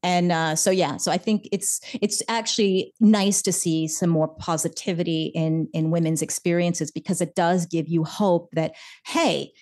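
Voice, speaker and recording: A middle-aged woman speaking with a lowish voice as an interview guest. She talks in a casual, animated way, acting out what others said and restarting her sentences often. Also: normal speed, few pauses. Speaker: podcast guest.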